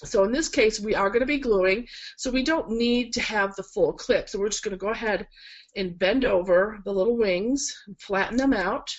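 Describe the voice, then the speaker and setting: In this lo-fi camera-mic clip, a woman speaks at medium pitch and a moderate pace, her voice stuffy and nasal from a cold. She's a florist instructor at an indoor work table, chatting encouragingly through a webinar project demo and filling gaps with frequent ums.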